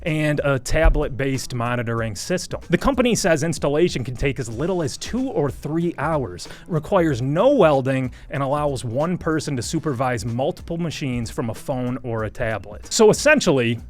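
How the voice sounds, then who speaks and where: A man's voice: a little high, lively intonation, moderate pace. A man hosting a scripted news commentary show, explaining a legal story in a wry, joking manner with sponsor plugs. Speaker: host.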